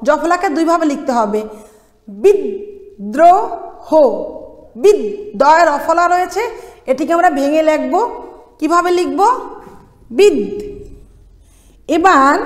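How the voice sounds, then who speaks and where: A woman's voice: sits high, a little slow, long pauses. A woman lecturer from Bangladesh teaching pronunciation rules step by step, putting questions to the class and answering them herself. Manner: explains step by step, asks and answers her own questions. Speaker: college Bengali lecturer. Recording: echoey room, long reverb.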